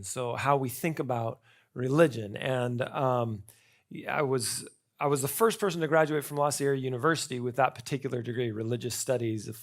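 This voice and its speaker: A man's voice: mid-range voice, creaky. A man speaking at a conference in a conversational way, often asking the audience rhetorical questions. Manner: frequent fillers and restarts. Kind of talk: conference talk.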